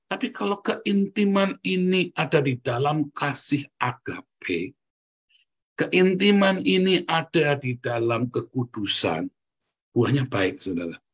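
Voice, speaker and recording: A man's voice: on the high side, lively intonation, takes it slowly, slightly rough. A middle-aged man preaching a sermon as a pastor, speaking emphatically and constantly addressing the congregation.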